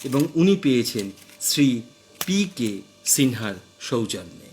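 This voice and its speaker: A man's voice: mid-range voice, big pitch swings, slow, a little mellow, faint music behind. A man narrating a comic short story with dry, wry asides.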